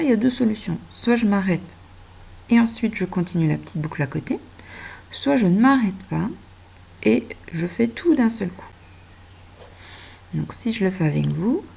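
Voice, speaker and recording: A woman teacher gently guiding a child through handwriting and reading, speaking directly to them and stretching words out. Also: medium pitch, vocal fry, breathy edge. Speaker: primary school teacher.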